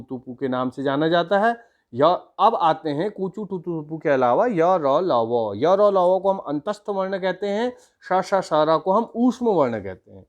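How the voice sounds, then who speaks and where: A man with a slightly raised voice teaches grammar to schoolchildren in an Uttarakhand Hindi accent. He explains step by step, drawing out sounds and chanting his examples. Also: a little high. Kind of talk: grammar lesson for school students.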